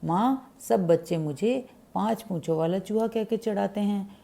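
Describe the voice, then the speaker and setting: A small, tearful boy mouse from a children's storybook, complaining that he is teased, as a woman reads him. The voice is mellow and slightly gravelly, at a middling pitch. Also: moderate pace, lightly acted.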